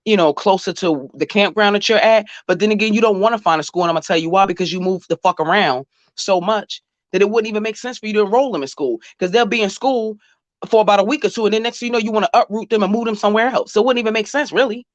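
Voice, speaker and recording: A woman's voice: medium pitch, fast talker, dry recording. A woman lays into her subject in casual, profane commentary, scolding bluntly and directly. Her voice sits in an ordinary middle register. The sound is dry and slightly dull and lo-fi. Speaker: commentary vlogger.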